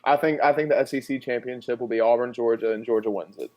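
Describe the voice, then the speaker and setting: A man's voice: medium pitch, fairly even intonation, fast talker, darkish tone. A young man guesting on a casual sports podcast, laid-back and hedging his picks.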